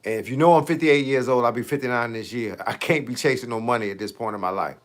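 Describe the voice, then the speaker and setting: A fast-talking man in his late fifties with a medium-pitched voice coaches fitness on a livestream. He chats casually and slangily, meeting viewers' comments with rhetorical questions.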